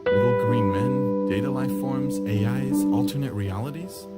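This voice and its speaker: A man with a mid-range voice reads first-person visual novel narration at a moderate pace, sounding wry and reflective. He's a let's play host, and plucked guitar music plays behind him.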